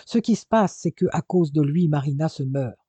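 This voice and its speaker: A man reading aloud as a furious young man who talks in sharp, raised, scolding bursts. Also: on the high side, fairly quick, no echo, close to an everyday voice.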